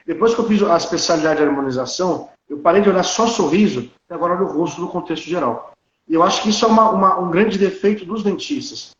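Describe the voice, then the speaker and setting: Brazilian male dentist, 30s, high and opinionated, echoey lo-fi room. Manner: animated, opinionated, blunt. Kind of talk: casual conversation.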